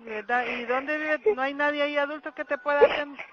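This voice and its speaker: A woman's voice: sits high, fairly even intonation, a little fast, over a noisy crowd. A woman with a Salvadoran accent, working as an emergency operator and questioning a caller over a telephone line. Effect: heard over a telephone line. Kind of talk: emergency phone call questioning. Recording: muffled phone line, loud noise.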